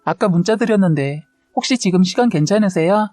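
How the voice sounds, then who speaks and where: A woman's voice: lowish voice, animated, brisk, mellow, no room sound, faint music behind, lightly acted. A woman voicing a careful, polite daycare teacher in an audio story, read on a dry close mic. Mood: concerned.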